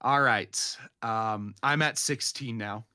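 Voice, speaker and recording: A man's voice: mid-range voice, slow pace, bright, forceful tone, clear, resonant tone, no echo, clean studio sound. A man co-hosting a movie podcast, talking in a laid-back casual way. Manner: laid-back, says "man" and "dude" often. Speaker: podcast co-host. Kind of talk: casual chat.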